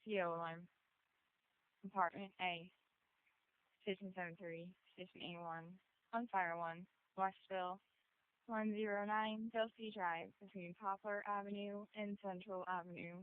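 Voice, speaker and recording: Clear female dispatcher, terse radio update. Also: mid-range voice, fairly even intonation, unhurried. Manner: clipped, procedural. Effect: two-way radio. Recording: tinny phone-like radio dispatch audio.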